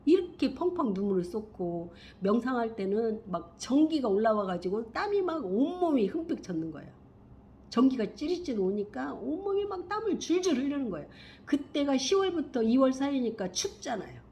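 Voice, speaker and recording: Middle-aged woman, animated pitch, rambling personal story, faint background hiss. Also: normal speed. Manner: emphatic, rambling, swings between hushed and loud. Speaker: spiritual vlogger.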